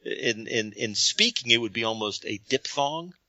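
A man's voice: medium pitch, expressive, moderate pace, pushed and bright, no room sound, lo-fi sound. A man co-hosting a podcast, talking emphatically about an album and repeating himself as he builds a point. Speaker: podcast co-host. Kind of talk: casual album discussion.

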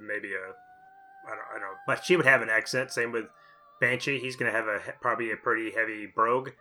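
Bright-voiced man musing aloud. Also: on the low side, fairly even intonation, fast talker. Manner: musing, unsure, trailing off. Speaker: podcast co-host. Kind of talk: casual chat about comics.

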